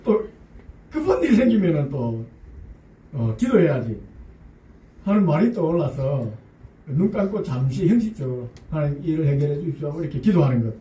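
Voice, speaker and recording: A male pastor preaches a sermon in a church sanctuary, acting out pleading prayers and chuckling with the congregation. His voice is on the high side, dark-toned and very animated, fairly quick but with long pauses, recorded from a distance with roomy church sound.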